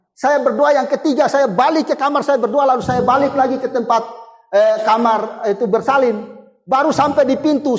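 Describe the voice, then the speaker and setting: A man's voice: extremely high pitch, in a large hall. A man, preaching a sermon and telling a personal testimony in a conversational, storytelling way. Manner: conversational, storytelling with acted quotes and chuckles.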